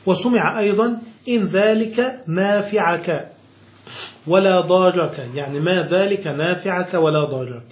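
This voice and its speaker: A man with a high voice teaches grammar to a student, restating every point in simpler words and checking that it landed. The room is echoey. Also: measured pace. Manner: patient, repeats and rephrases each point, checks understanding. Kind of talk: explaining a grammar text to a student.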